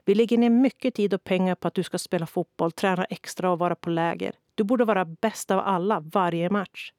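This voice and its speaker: A woman's voice: lowish voice, no room sound, studio quality, natural voice. A woman voicing a stern, pushy mother who scolds her young son from the sidelines of a children's storybook. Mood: scolding. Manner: shouting, scolding.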